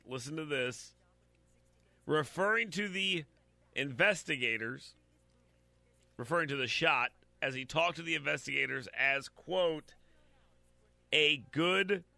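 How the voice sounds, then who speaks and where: Man, commentary, gravelly, sharp and forceful tone, blunt, dry close sound. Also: a little high, no room sound. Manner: blunt, talks to the audience, stumbles on repeats. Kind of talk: opinionated commentary reading news.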